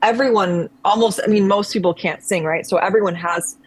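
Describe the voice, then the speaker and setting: This is a husky, medium-pitched woman's voice, a little fast, captured in a dry, rough recording. She is a conservatory-trained actress appearing as a guest on a video call, reflecting thoughtfully in conversation and frequently starting her sentences over as she wanders.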